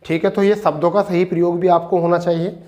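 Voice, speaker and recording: A man's voice: high voice, flat delivery, fast, mellow, lo-fi sound. Repetitive, coaxing male Hindi teacher. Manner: repetitive, asks and answers own questions; addresses students as beta. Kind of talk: online exam-prep Hindi lesson.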